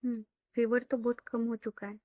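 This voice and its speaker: A woman voicing a gentle, caring middle-aged mother who soothes her daughter. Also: a little high, level tone, moderate pace, no room sound, close to an everyday voice. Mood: motherly.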